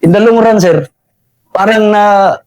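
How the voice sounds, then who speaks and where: A man's voice: high voice, unhurried, darkish tone. A young man with a Filipino accent telling his war story in a casual interview, ending nearly every phrase with "sir" and chuckling often.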